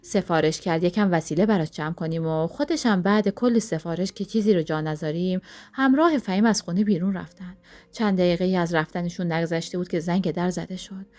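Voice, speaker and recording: A woman telling a first-person village story in a steady, reflective manner. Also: lowish voice, faint music behind.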